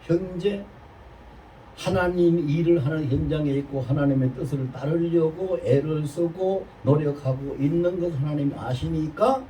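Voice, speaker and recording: A man's voice: a little high, a little slow, dark tone. A pastor in his seventies giving a sermon, telling a personal story in an earnest, confessional way. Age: 70s. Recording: distant mic, faint noise.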